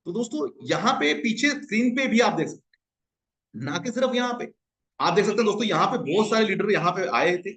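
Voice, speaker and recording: A man giving a hyped, salesy screen-share pitch for an online business, constantly calling out to his viewers as friends. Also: lively intonation, fairly quick, a bit bright.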